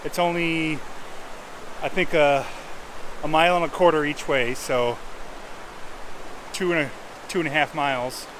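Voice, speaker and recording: Clear outdoor noise of rushing creek water surrounds a man with a slightly high voice. He chats to the camera in an easygoing, conversational way, like a casual vlogger out on a trail. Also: steady tone, fairly bright tone, rough recording. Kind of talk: casual outdoor vlog talk. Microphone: camera on a tripod, fairly close.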